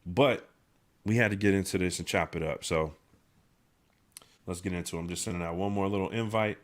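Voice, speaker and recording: A livestream host with a low voice speaks fairly quickly and sounds nasal because of a sinus infection. His casual, laid-back chat is loaded with slang, fillers, and restarts.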